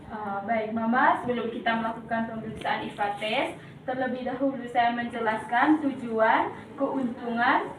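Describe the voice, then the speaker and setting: A woman's voice: fairly high pitch, fairly even intonation, moderate pace. A woman explaining a clinical procedure step by step as a midwife, in a polite, formal customer-service manner. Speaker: midwife demonstrating a patient examination. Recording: echoey room, distant mic, clear background noise.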